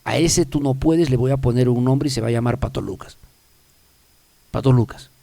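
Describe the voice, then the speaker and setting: A self-help radio host with a medium-pitched, warm voice and some vocal fry delivers a motivational talk-show monologue at a moderate pace. He speaks emphatically and repeats key phrases for the listener. There's no room sound.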